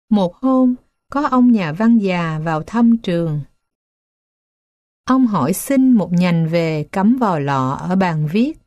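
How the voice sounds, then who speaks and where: A woman reading children's stories aloud as scripted narration, with a slow, gentle storybook manner. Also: mid-range voice, no room sound, highs cut off.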